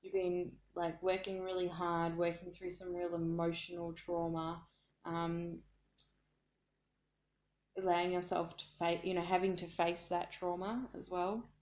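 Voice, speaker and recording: A woman's voice: on the low side, flat delivery, a little slow, darkish tone. A woman with an Australian accent gives a casual, earnest tarot card reading and often stops to search for her words. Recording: echoey room.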